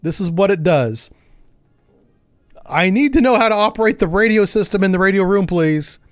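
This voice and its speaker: Male streamer, chatty and quick to laugh, higher-pitched speaking voice. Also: lively intonation, no room sound, clean studio sound, faint music behind. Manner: chatty, jokey, laughs often, thinks aloud. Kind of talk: casual live gameplay commentary.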